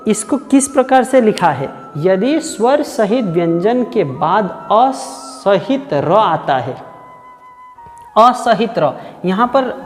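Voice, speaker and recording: A man teaching a grammar lesson, slow and patient, repeating each sound aloud several times. His pitch swings a lot as he stresses examples. The sound carries a long reverb, with faint music underneath. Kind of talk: exam-prep grammar lesson.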